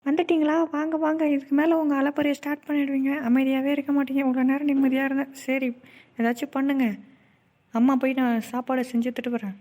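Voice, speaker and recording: A woman's voice: high-pitched, little pitch movement, darkish tone, natural voice. A woman voicing a mother in a homemade cartoon who nags and scolds her two daughters. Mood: scolding. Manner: nagging, quick scolding.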